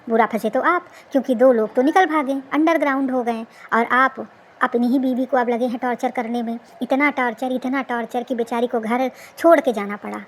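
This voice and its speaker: With a high-sitting voice and a bit of noise in the background, this woman hosts a reaction video, dishing on a social media feud. Her commentary is loose and slangy, full of teasing exclamations and questions she doesn't expect answered.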